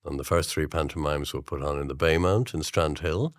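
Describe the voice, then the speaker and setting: An older Irish man, a member of an amateur drama society, chats as an interview guest, rambling, thoughtful and anecdotal, often agreeing. He has a bass voice and talks fairly quickly in a dry, studio-quality recording.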